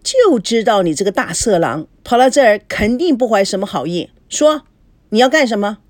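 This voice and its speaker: A woman's voice: very animated, normal speed, no echo, studio quality. A woman voicing a jealous, hot-tempered wife in a read-aloud story, scolding sharply. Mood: furious. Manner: scolding, shrill.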